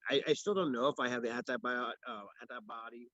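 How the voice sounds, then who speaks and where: A man's voice: medium pitch, fast, fairly bright tone, dry recording. Rambling man on a muffled phone stream. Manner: rambling, many restarts and fillers. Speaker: co-host of a local news livestream. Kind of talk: casual ad-libbed chat.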